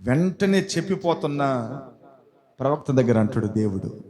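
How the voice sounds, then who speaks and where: A man's voice: mid-range voice, lively intonation, normal speed, warm tone. A man preaching an emphatic sermon and acting out stories in different voices. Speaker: pastor.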